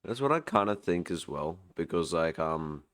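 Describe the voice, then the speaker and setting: Drowsy young man with a very deep voice. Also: expressive, moderate pace, fairly bright tone. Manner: drowsy, rambling, lots of filler words. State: sleepy, yawning. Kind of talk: casual chat.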